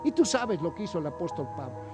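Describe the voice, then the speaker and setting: High-voiced preaching man. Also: sing-song, quick pace, over music. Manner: preaching with Bible readings and direct questions to the listener. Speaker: pastor. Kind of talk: sermon.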